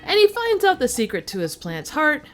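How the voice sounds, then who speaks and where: A woman's voice: high voice, huge pitch swings, moderate pace, faint music behind. A woman delivering a scripted comedic review with wry, wisecracking narration. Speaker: film review host.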